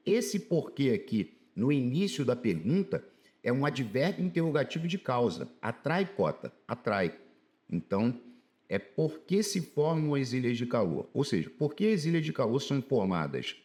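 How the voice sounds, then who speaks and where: A man's voice: medium pitch, a little mellow. A man with a Brazilian Portuguese accent giving a casual exam-prep grammar lesson, speaking to viewers in a slangy, direct way.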